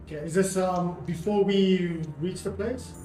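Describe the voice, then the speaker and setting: A man's voice: high-pitched, fairly even intonation, measured pace, dark tone. A man playing a tabletop game, chatting casually and hesitantly as he thinks aloud about his moves. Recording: echoey room, faint music behind.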